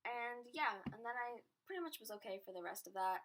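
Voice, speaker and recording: A woman's voice: on the high side, lively intonation, brisk, noisy background. A teenage girl telling a story in a casual vlog, chatty and self-mocking. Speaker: vlogger.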